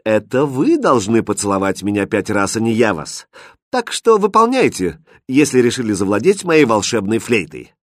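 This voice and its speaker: A man voicing a calm, sly young swineherd in a storybook reading, unhurried and teasing. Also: fairly low pitch, no room sound, studio quality.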